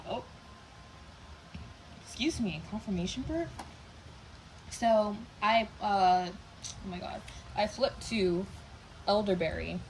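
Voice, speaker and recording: A woman's voice: mid-range voice, a little hiss or hum, poor audio. A young woman giving a casual tarot reading, talking in a chatty, passionate way with lots of fillers. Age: young adult. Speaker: tarot reader.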